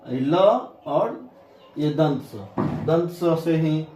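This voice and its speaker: A man teaching a grammar lesson, sounding out letters one by one in a slow, deliberate way. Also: on the high side, fairly even intonation, dark tone. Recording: echoey room with faint ambient noise.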